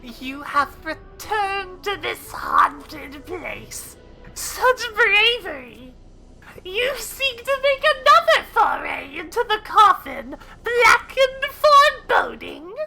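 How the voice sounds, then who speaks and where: A woman voicing an eerie, grand fairy ferrywoman in a game, slow and theatrical. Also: sing-song, vocal fry, soft background music, exaggerated voice. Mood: ominous grandeur. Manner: drawn-out theatrical, high and loud.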